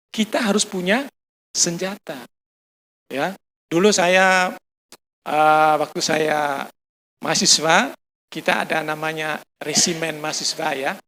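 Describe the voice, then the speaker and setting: A pastor with an Indonesian accent, preaching at a Sunday service held in a restaurant, tells a personal story and acts out the lines of others, using plenty of fillers along the way. His voice is a little high with a fairly bright tone.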